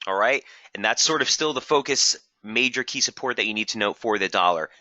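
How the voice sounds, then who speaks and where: A man hosting a live trading webinar, brisk and technical, losing his voice and clearing his throat now and then. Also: fairly low pitch, animated, pushed and bright, no echo, dull audio. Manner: brisk, technical, addresses viewers as guys. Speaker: market strategist hosting a webinar.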